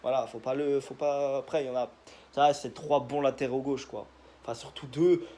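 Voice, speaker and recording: A man's voice: medium pitch, steady tone, normal speed, mellow. A young man, casually giving his football predictions in a rambling, joking monologue full of fillers. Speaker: football video creator.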